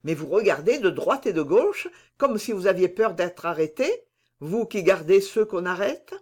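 Brief: male narrator voicing a timid plump old prison governor, mournful, pitched high. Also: lively intonation, moderate pace. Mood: plaintive. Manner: timid, plaintive. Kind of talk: audiobook reading.

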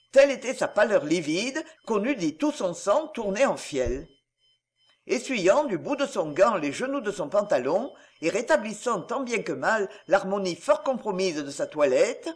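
A man narrating a classic novel as an audiobook, in an expressive storytelling manner. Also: high voice, slightly rough.

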